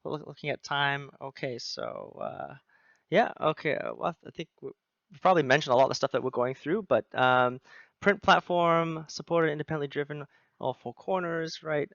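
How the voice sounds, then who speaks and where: A man's voice: fairly high pitch, very animated, moderate pace, creaky, fairly bright tone, no echo. A man from Wales hosting a casual video interview, talking hesitantly with lots of fillers and restarts. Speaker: host. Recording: dull lo-fi sound.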